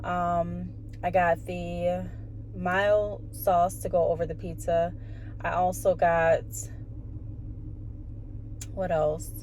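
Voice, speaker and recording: A woman's voice: on the low side, level tone, slow, long pauses, darkish tone. A woman chatting casually to viewers as a food vlogger, recorded inside a car. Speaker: vlogger ordering and presenting fast food. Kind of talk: casual vlog chat. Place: inside a car at a drive-through and parking lot. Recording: clear car and vehicle noise. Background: car and vehicle sounds.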